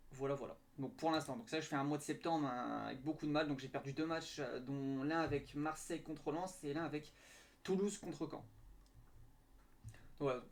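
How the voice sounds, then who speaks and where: A young man talks through a screen-share tutorial in a casual, halting way. He stops often for fillers and starts sentences over. His voice sits a little on the high side. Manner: hesitant, many fillers and restarts. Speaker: betting tips youtuber.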